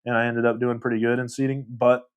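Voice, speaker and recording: A man's voice: medium pitch, flat delivery, quick pace, clean tone. A man casually hosting a livestream, reading viewer comments aloud and rambling with self-deprecating laughs. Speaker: livestream host.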